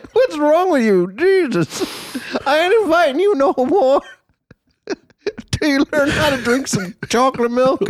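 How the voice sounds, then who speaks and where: A man voicing a gruff, disgruntled old prospector who scolds indignantly and keeps cackling. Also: very high voice, no echo, pitched above the performer's own voice, heavily acted.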